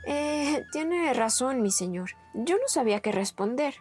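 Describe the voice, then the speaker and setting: A woman's voice: sits high, lively intonation, a little slow, a little mellow, voice pushed up. A poor old shepherd who frets and speaks humbly to his lord, as a woman narrator plays him. Faint music is heard behind. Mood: worried. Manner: fretful, humble.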